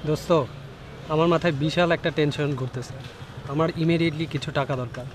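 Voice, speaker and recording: A man's voice: fairly high pitch, steady tone, quick pace, a little hiss or hum, lightly acted. A man playing an earnest young man who wants to give a street kid a new life, speaking urgently. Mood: hurt. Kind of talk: amateur drama acting.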